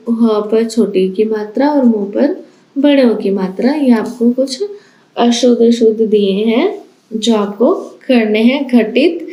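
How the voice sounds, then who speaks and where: A woman teacher giving a grammar lesson to young children, reading words out slowly and one by one as she explains them. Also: a little high, mellow, echoey room, low-quality recording. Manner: slow, deliberate, spells out words for children. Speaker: school teacher.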